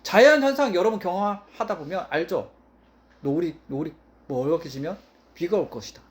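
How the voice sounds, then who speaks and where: Animated, high-pitched male pastor preaching. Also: brisk. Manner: animated, emphatic, repeats key phrases. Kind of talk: sermon.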